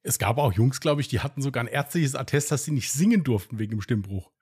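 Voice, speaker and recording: A man's voice: medium pitch, expressive, quick pace, a little mellow, husky. A man co-hosting a podcast in casual chat, rambling and self-deprecating with many restarts. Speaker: podcast co-host.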